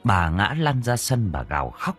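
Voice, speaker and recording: A man narrating an audiobook story in an expressive telling. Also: on the low side, normal speed, husky, soft background music. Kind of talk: scripted narration.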